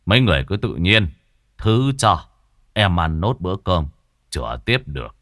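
A man's voice: low-pitched, sing-song, normal speed, a bit bright, no echo, exaggerated voice. A frightened older villager, voiced by a male storyteller begs in a humble, stammering way. His voice rises and falls widely, sounding dry and close to the mic. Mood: weary resignation.

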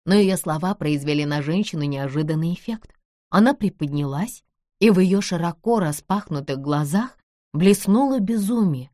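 A woman narrating an audiobook in an expressive storytelling manner. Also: on the low side, moderate pace, no echo. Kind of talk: scripted narration. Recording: dry close studio sound.

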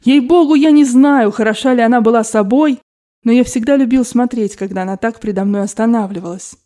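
A woman narrating a novel as an audiobook, reading the first-person text in an expressive, dramatic way. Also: fairly high pitch, fairly quick. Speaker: audiobook reader.

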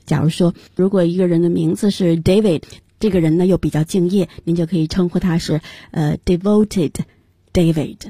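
Mellow, husky woman co-hosting radio English. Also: on the low side, steady tone, normal speed, no echo, clean studio sound. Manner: repeats words after the teacher and asks follow-up questions. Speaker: co-host of the lesson.

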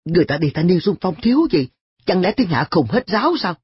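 A reader voicing an earnest schoolboy who scolds his friend in sharp, exasperated questions, in a story reading. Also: mid-range voice, big pitch swings, fast, slightly rough, no room sound, lo-fi sound, voice pushed up. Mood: arguing. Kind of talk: audiobook dialogue.

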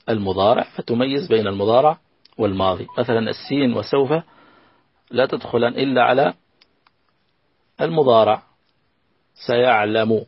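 Man, grammar teacher, husky voice, dull lo-fi dry recording, repetitive explaining. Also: on the low side, no room sound. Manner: slow, repeats key phrases, explains with examples. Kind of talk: recorded classroom lesson.

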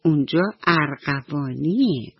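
Mischievous rainbow fish, woman reading, husky high voice, dry close sound. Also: animated, dry recording, highs cut off, heavily acted. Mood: teasing. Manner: teasing, skeptical.

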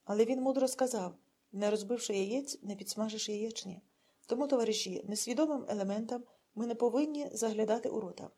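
A woman reads as a zealous male secret-police officer, hoarse from shouting and full of fervent speechmaking. The voice is husky and mellow and sits fairly high. It carries the weight of a storybook read aloud. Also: brisk. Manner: fiery speechmaking, rising to shouts.

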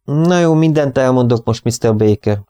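A man's voice: mid-range voice, mellow, smooth, no room sound, studio quality, voice pushed up, close to an everyday voice. A man reading an audiobook, voicing a stern, impatient male prison governor who speaks brusquely. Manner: brusque and commanding.

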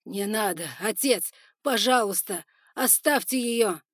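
A woman's voice: deep voice, fairly even intonation, a little slow, husky, dry recording, heavily acted. Brief: young male prince, read by a woman, pleading, raw, dry close audiobook sound. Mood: desperate. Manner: pleading loudly, then whispering gently. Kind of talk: audiobook character voice.

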